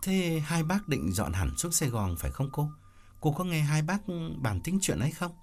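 A man voicing an earnest young man who speaks in a gentle, measured way in an audiobook drama. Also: fairly high pitch, big pitch swings, a little hiss or hum.

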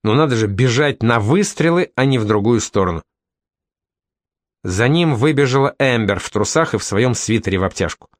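Male narrator, first-person novel read, wry delivery, expressive pitch, dry booth sound. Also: normal speed, dry recording. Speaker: audiobook narrator.

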